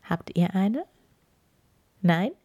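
A woman in a whispered role-play, gently reading a picture book to children. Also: medium pitch, lively intonation, muffled recording. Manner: slow, gentle, addresses children.

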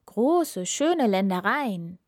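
A woman's voice: mid-range voice, big pitch swings, extremely slow, no echo, clean studio sound. Woman reading an amazed fairy-tale king. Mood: admiring. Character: astonished, admiring old king.

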